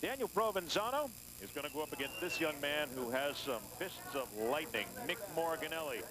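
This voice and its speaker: A man's voice: a little high, animated, fairly quick, rough recording. A man hosting and commentating live at a boxing venue. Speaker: fight broadcast host and commentator. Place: fight venue. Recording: loud crowd behind the voice.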